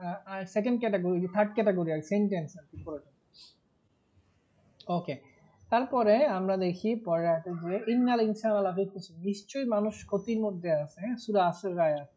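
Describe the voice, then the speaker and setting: A man's voice: sits high, dark tone. A man teaching Arabic grammar in a live online class, explaining patiently and stressing key words. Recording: muffled online class audio.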